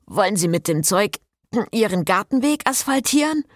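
A woman's voice: mid-range voice, very animated, moderate pace, dry recording, voice pushed up. Prim, offended priest, read by a woman, audiobook, dry close sound. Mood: indignant. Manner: huffy, formal. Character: indignant, prim male priest.

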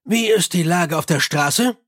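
A man voicing a gruff, weary middle-aged police commander who talks in a dry, blunt and grumbling way. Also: a little high, expressive, unhurried, fairly bright tone. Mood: commanding.

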